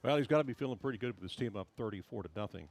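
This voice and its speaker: A man with an American accent calling a live high school football game as the play-by-play commentator. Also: lively intonation, racing.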